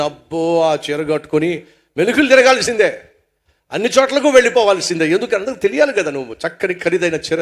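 A middle-aged male pastor telling a story in a sermon, animated and asking his audience rhetorical questions. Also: high-pitched.

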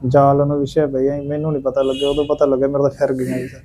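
Punjabi man as an injured victim, meek and halting, mellow tone, quick pace. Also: mid-range voice, monotone, a little hiss or hum. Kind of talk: scripted social drama acting.

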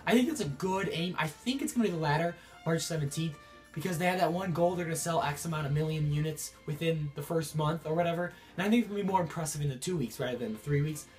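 A young man vlogging about video games, sick with a cough and a rough voice, talking in an excitable, rambling way. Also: on the high side, fast, soft background music. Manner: excitable, rambling, many restarts. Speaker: gaming YouTuber. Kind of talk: excited casual vlog to camera.

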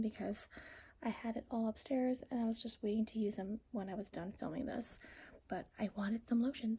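A woman talking in a hushed whisper through a casual late-night vlog at home, keeping quiet so she won't wake anyone. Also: mid-range voice, slight background noise. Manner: talks in a soft hushed whisper to keep quiet. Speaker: vlogger showing her collection. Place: home at night, boyfriend asleep.

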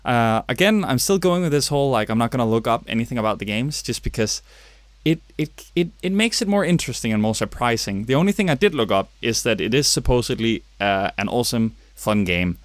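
A young Danish man with a Danish accent chats a little fast through a let's play, his mid-range voice lively in intonation. The gaming YouTuber makes jokey, self-mocking asides from his indoor home gaming setup. The recording is dry.

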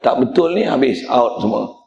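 A man's voice: mid-range voice, lively intonation, moderate pace, creaky, darkish tone, reverberant, highs cut off, slight background noise. A male religious teacher, giving a mosque lecture in a blunt, teasing way and speaking straight to the congregation.

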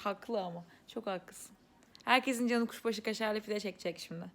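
A woman's voice: mid-range voice, normal speed. Giggly young woman vlogging at home. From Turkey. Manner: laughs often, lively and teasing. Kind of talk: casual vlog chat. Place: home indoors with cousins.

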